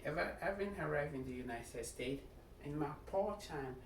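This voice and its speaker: A middle-aged man with a Nigerian accent giving a prepared self-introduction speech as a student, earnest and deliberate, speaking in short phrases. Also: a little high, lively intonation. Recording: echoey room, distant mic, background noise.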